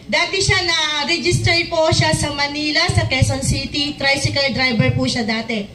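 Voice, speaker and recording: A woman's voice: sits high, fairly even intonation, moderate pace. A middle-aged woman giving a personal testimony, retelling events and acting out the dialogue. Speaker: product user giving a testimony. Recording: echoey room, far from mic, faint noise.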